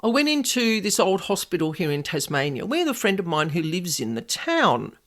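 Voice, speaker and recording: A middle-aged woman hosts a podcast in a loud, extravagant voice at a moderate pace, sounding like she's chatting freely rather than reading. She's also a paranormal investigator, and her pitch swoops with animated energy as she's easily sidetracked from one tangent to the next.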